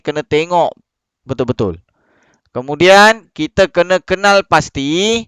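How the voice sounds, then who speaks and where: A Malaysian man teaching young pupils over a video call, patient and questioning, reading slowly. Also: a little high, clean tone, no room sound. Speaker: primary school teacher. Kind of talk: online class lesson.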